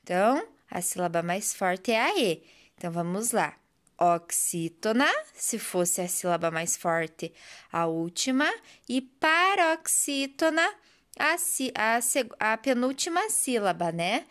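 A woman's voice: medium pitch, very animated, slow pace, a bit bright. A woman, a primary school teacher with a Brazilian Portuguese accent, giving a remote lesson to children in a patient, sing-song teaching voice.

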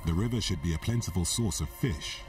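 A man's voice: low-pitched, a little fast, recorded from a distance. A man reading scripted narration for a television documentary. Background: music.

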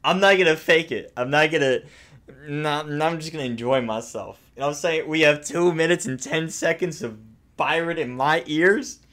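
Speaking at a moderate pace in a slightly bright voice that sits on the high side, this young adult man runs a gaming channel on YouTube. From a small home room, he riffs through loose, joking reactions, overplaying them and leaning on crude slang.

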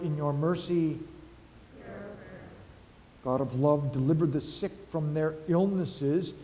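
Man, high voice, slow solemn liturgy, cathedral echo, long church reverb. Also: dark tone. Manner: slow, measured, solemn recitation. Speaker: pastor. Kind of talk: liturgical prayer and communion rite. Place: large church sanctuary. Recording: echoey church hall with faint music.

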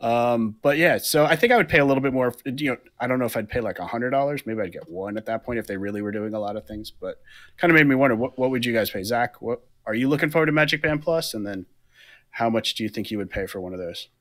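This man in his thirties speaks fast in a medium-pitched, somewhat bright voice. Co-hosting a casual podcast from a room at home on a video-call headset, he talks things through chattily, using fillers as he explains.

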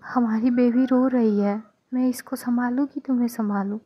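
A calm young mother who speaks softly and a little low, gently teasing her partner, as a woman storyteller puts her on. Her voice is quiet and close to a murmur at times. The recording sounds muffled and lo-fi. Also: normal speed, close to an everyday voice. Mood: gentle.

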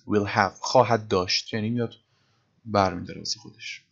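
A man with a fairly low voice teaches grammar in a relaxed, conversational way. He stops to read English phrases slowly and with weight on each word. The recording sounds a little dull and lo-fi. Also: creaky. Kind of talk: casual grammar lesson in Persian.

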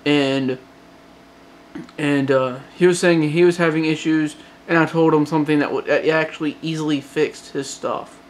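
A man's voice: fairly high pitch, fairly even intonation, moderate pace, a little hiss or hum. A man with a light Southern accent from Georgia, talking through a casual vlog update late at night, rambling with many restarts and fillers. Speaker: hobbyist phone modder.

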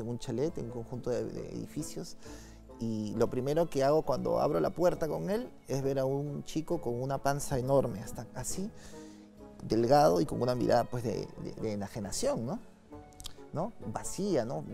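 Un hombre con acento peruano, invitado ocultista, que narra con calma y en voz baja una experiencia personal en una entrevista. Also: male voice, medium pitch, normal speed, creaky, soft background music. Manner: soft-spoken, calm storytelling with frequent tag questions. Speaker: occultist guest. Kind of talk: telling a personal story in an interview.

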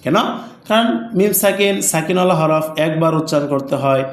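A man teaching Quran reading step by step, spelling out letters slowly and then asking and answering his own questions, with a Bangladeshi Bengali accent. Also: fairly high pitch, roomy sound. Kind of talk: step-by-step recitation lesson.

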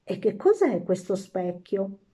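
A woman's voice: mid-range voice, very animated, measured pace, mellow, slightly rough. A woman voicing a spoiled, curious little princess who talks in a whiny, demanding way. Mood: haughty, eager.

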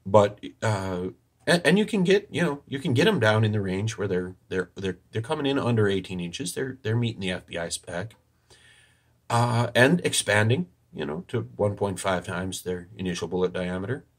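A man presenting an informal analysis with a dry, deadpan, tongue-in-cheek delivery and a husky voice. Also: lowish voice, normal speed. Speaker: online video presenter. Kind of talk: informal analysis commentary over screen recording.

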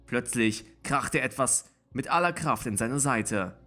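A man reading a story aloud in a steady, expressive narration. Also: medium pitch, a little slow, soft background music. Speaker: audiobook reader.

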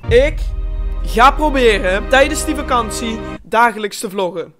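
A man's voice: very high-pitched, a little slow. Male teen YouTuber, 16, casual and exclamatory, sweary reaction-vlog delivery, close mic over music. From Limburg, Netherlands. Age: 16, teenager. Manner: animated, exclamatory, swears often. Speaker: YouTuber, host. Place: small bedroom studio, indoors. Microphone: desk condenser mic, close.

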